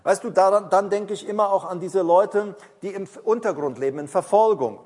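Male pastor, high-pitched, emphatic preaching with repetition, recorded in an echoing hall. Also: a little mellow. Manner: emphatic, repeats key phrases, slows down to read scripture. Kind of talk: sermon.

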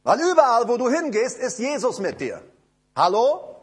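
A man preaching a sermon, emphatic and repetitive, speaking straight to his listeners and swinging between loud declarations and low asides. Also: huge pitch swings, moderate pace, slightly rough.

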